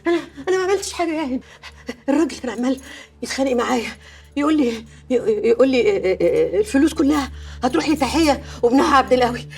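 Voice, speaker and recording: A frantic wailing Egyptian wife. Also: female voice, high voice, rapid-fire, vocal fry, slightly rough, heavily acted. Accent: Egyptian Arabic. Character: scheming wife turned grieving mother. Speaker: wife in a film drama. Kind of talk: film drama acting.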